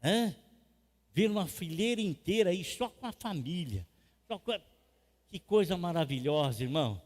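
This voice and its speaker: A man with a Brazilian Portuguese accent preaching a sermon as pastor, swinging from loud emphatic lines to quiet asides and repeating phrases for emphasis. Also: high voice, animated, moderate pace. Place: church hall. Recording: long reverb of a church hall.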